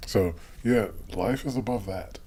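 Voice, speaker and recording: A man's voice: lowish voice, a little slow, mellow, breathy edge. A man co-hosting a casual podcast, talking about movies bluntly and dismissively. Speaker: podcast co-host.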